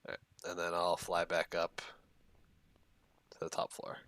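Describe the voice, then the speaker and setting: A man with a very low voice chatting as a player in a tabletop game. He is casual, swears and jokes with the others. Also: completely flat delivery, measured pace, a bit bright, dry recording.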